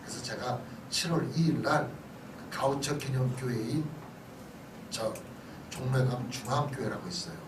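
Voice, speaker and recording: Speaking at normal speed with long pauses, a mid-range-voiced pastor gives a chatty history lecture in a church hall, often turning to listeners with questions and asides. The sound is echoey and noisy, recorded from a distance.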